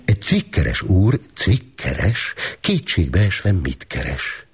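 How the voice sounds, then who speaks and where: A man's voice: low-pitched, very animated, creaky. A male storyteller reading a children's bedtime story with a playful, rhythmic delivery. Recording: music playing underneath.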